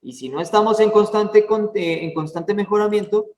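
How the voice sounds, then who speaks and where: A high-voiced man leads an informal church class, chatty and full of fillers. He is recorded from far off in a roomy hall with a long echo. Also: normal speed, a little mellow, slight background noise. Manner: chatty, many fillers, asks the class for words. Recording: echoey hall, far from the mic.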